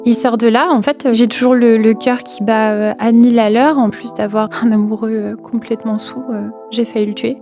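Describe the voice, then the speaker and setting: A woman's voice: on the high side, flat delivery, moderate pace, hardly any pauses, a little mellow, soft background music. A young woman recounting a personal experience, hesitant, with many fillers and repeated words, sometimes dropping to a near whisper. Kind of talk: personal testimony.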